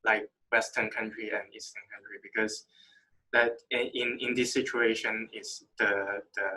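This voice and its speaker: A male interview host with a bright, forward voice puts his questions casually. He restarts often and searches for words in halting phrases. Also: lowish voice, little pitch movement, rough recording.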